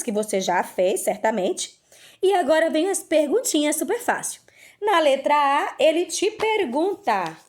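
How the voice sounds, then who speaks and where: A woman teacher with a bright, fairly high voice walks her pupils patiently through a lesson. She often poses questions and then answers them herself, one step at a time. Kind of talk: recorded remote lesson.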